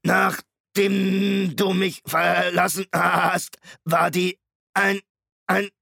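A towering undead machine stalker, speaks in a high, stuttering, creaking drawl, each word dragged out slowly and pushed out loud, as if from a broken tape. The audiobook sound is dry, close and gravelly. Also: male voice, level tone, no echo, full character voice. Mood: eerie tender. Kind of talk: audiobook reading.

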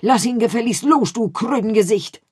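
A woman's voice: lowish voice, expressive, unhurried, breathy edge. A woman voicing a brave, bossy male animal who leads the others in a storybook reading. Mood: fierce. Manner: bold, commanding.

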